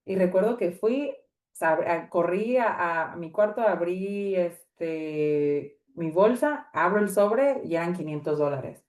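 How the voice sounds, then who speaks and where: A woman's voice: fairly low pitch, slow pace, distant mic. Woman telling a roomy testimony. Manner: animated storytelling, acting out dialogue, frequent fillers. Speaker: women's ministry speaker. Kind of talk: personal faith testimony. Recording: roomy echo.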